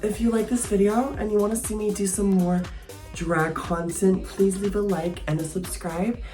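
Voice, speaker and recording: A man switching on a high girly drag voice filter. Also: fairly even intonation, moderate pace, mellow, faint music behind. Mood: sweet sign-off. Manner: sassy, swearing, calls viewers mama and girl. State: tipsy. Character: high feminine "girl voice" of a drag persona. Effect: pitched-up gender swap voice filter. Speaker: drag vlogger. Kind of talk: casual makeup tutorial chat.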